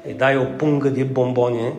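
A man's voice: medium pitch, little pitch movement, reverberant, crowd noise. A man preaching a conversational sermon, joking and asking the congregation questions.

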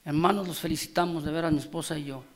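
A man's voice: a little high, steady tone, quick pace. A man preaching a sermon, emphatic, calling out questions to the congregation. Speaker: guest preacher.

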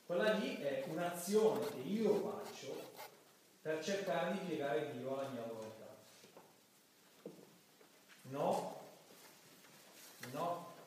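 A priest preaches in a lively way, now and then mimicking the voices of people at prayer. His voice sits fairly high for a man. It is heard from a distant mic in an echoing church, with faint noise behind. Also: slow, long pauses. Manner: lively, acts out voices of praying people to mock. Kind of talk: sermon-style talk.

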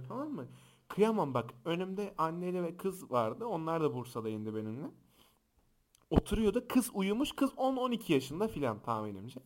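A young man hosting a podcast, telling funny stories and acting out the shouting people in them. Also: on the high side. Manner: animated, acts out quoted shouts and voices. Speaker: podcast host. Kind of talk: casual podcast storytelling. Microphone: close podcast microphone.

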